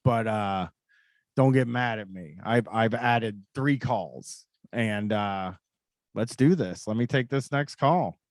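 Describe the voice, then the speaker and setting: A man's voice: fairly low pitch, slow, no room sound. An American man hosting a call-in show, talking in a casual, rambling, informal way with some swearing.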